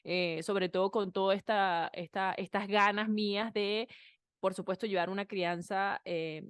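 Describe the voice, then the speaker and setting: A woman's voice: mid-range voice, steady tone, unhurried, clear, resonant tone, dry recording, clean studio sound. A mother sharing personal stories in a podcast conversation, chatty and heartfelt, with frequent fillers.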